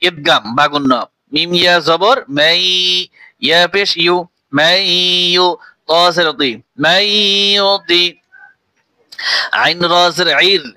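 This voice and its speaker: Slow, bright-voiced Quran teacher, a man. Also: fairly high pitch, fairly even intonation, dry recording. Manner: slow letter-by-letter spelling, then melodic chanted recitation. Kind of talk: spelling out Quran recitation lesson.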